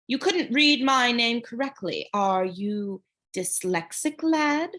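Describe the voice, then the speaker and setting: A woman voicing a smug, greedy male ferryman of the dead with a vaguely British, foreign-tinged accent, speaking slowly in a sweet, cold way. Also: a little high, lively intonation, fairly bright tone, voice pushed up. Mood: suspicious. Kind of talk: audiobook character reading.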